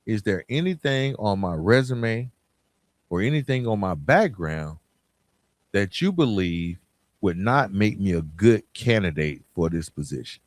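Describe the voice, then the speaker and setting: A middle-aged American man gives a motivational solo podcast talk, addressing listeners directly and colloquially with emphatic repetition and rhetorical questions. His voice sits on the low side, with big pitch swings and an unhurried pace. There is no echo.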